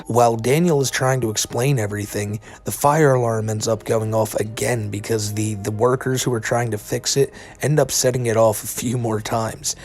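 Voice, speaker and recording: A man's voice: mid-range voice, fairly even intonation, moderate pace, hardly any pauses, a little mellow. A man giving casual, incredulous commentary on internet drama, with a sardonic, informal way of talking and some casual swearing. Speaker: commentary video narrator.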